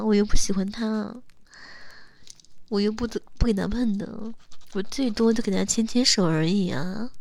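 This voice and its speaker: A young woman uses her mid-range voice, close to an everyday voice, for an intimate role-play as a teasing, coaxing "big sister." She whispers softly close to the mic, and the recording is dry.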